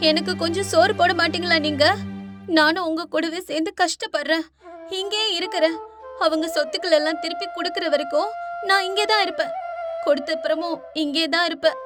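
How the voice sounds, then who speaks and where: A woman voicing a spirited young woman who scolds her parents indignantly and firmly in an animated cartoon dub. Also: very high-pitched, fairly quick, over music. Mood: pleading. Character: spirited young woman, righteous and defiant daughter.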